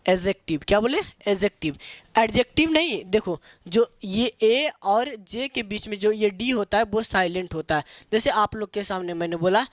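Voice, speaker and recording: A man's voice: sits high, normal speed, dry recording. A man teaching an English grammar lesson. He asks his own questions and answers them, repeats each term and spells words out letter by letter. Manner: calls students babu and beta. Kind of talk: spoken grammar lesson with drills.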